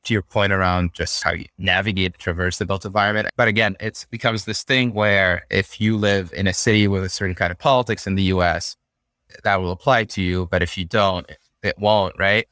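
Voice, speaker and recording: A young man from Syria, a podcast guest, talking through ideas in a relaxed, thoughtful way with frequent fillers. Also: deep voice, brisk, no room sound, studio quality. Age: young adult. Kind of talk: casual conversational interview.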